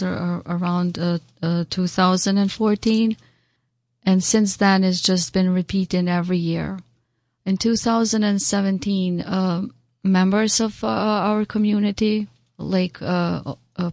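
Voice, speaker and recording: Halting woman with an Albanian accent. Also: fairly low pitch, vocal fry, a little mellow, no echo, clean studio sound. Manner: halting, hesitant, searching for words. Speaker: interview guest, local artist. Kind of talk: unscripted radio interview answers.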